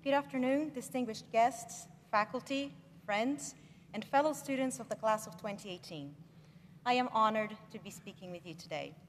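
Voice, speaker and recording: A young woman from Brazil gives an earnest, measured commencement speech as graduate speaker, leaning on key words. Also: fairly high pitch. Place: large ceremony hall. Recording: echoey hall with faint ambient noise.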